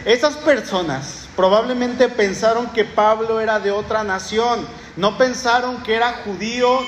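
A man's voice: high voice, slight background noise. A man with a Mexican Spanish accent preaching a sermon, teaching from the Bible in a conversational storytelling way with frequent restarts. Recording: echoey hall with long reverb, faint ambience.

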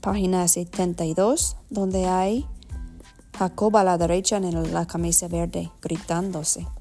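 A woman with an American accent in Spanish, a native English speaker, reading a children's storybook aloud with halting, self-corrected phrasing. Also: fairly low pitch, little pitch movement, dark tone, soft background music. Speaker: storybook reader. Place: at home.

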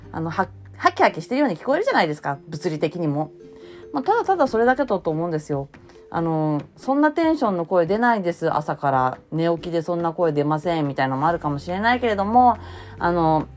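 A woman giving casual spoken advice on a voice blog, talking cheerfully in a deliberately raised, bright tone, with plenty of fillers. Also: medium pitch. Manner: cheerful, chatty, lots of fillers. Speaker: voice blogger.

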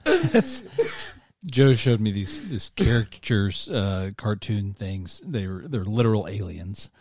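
A man co-hosting a casual podcast chat, speaking haltingly with restarts. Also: lowish voice, big pitch swings, a little mellow, husky. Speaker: podcast co-host.

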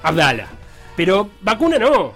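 A man's voice: high-pitched, measured pace, soft background music. A man with a Rioplatense Spanish accent, co-hosting a comedic sports talk show in a playful, jokey way. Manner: playful, jokey, animated storytelling. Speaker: co-host.

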